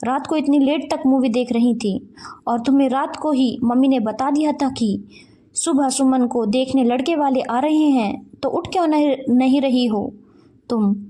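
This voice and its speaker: A woman's voice: fairly high pitch, mellow, natural voice. A woman voicing an angry young husband who scolds his lazy wife in a storybook tale. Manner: scolding, insistent.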